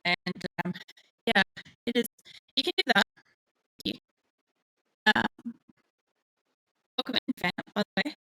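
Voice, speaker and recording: Bright-voiced sleepy woman streaming a game. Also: medium pitch, expressive, a little slow, pauses often, no echo, rough recording. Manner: rambling, thinks aloud, swears casually. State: sleepy, yawning. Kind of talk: live-streamed gameplay commentary. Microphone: desk microphone.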